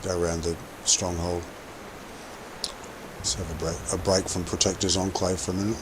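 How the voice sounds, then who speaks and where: A man's voice: low voice, level tone, normal speed, background noise. A man streaming a game and chatting casually, thinking aloud with lots of restarts while chewing gum. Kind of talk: casual gameplay commentary.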